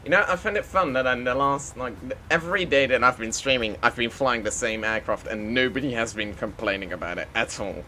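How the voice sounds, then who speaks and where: A man's voice: medium pitch, a little fast, few pauses, bright, forceful tone, a little hiss or hum. A man live-streaming a flight simulator, chatting casually and making the odd pilot radio call.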